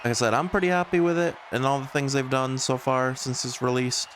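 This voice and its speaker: A man's voice: mid-range voice, fairly even intonation, a little fast, a bit bright, slight background noise, low-quality recording. A man streaming a video game, giving casual commentary and thinking aloud in a conversational way.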